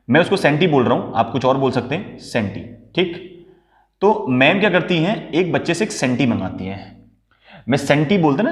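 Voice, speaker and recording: A man teaching a chemistry lesson by telling a story and acting out the characters' lines. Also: mid-range voice. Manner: animated storyteller acting out dialogue. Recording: echoey room with long reverb.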